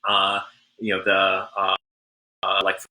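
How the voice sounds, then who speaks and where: A man on a video call whose audio keeps stuttering and dropping out from a bad connection. He talks haltingly and repeats words as the sound cuts. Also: low voice, completely flat delivery, sharp tone, low-quality recording. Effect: choppy buffering audio over a bad internet link. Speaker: game designer guest. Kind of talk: live-stream Q&A.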